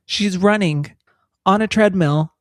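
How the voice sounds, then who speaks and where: A podcast co-host in Texas talks in a relaxed, casual way, using examples to make her points. She speaks slowly at a medium pitch, and the studio recording is clean and dry.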